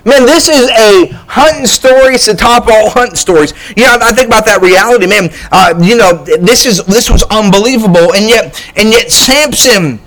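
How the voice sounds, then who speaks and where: High-voiced joking preacher man. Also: normal speed, few pauses, rough recording. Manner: energetic, joking preacher who keeps asking "all right?". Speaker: pastor. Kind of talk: sermon.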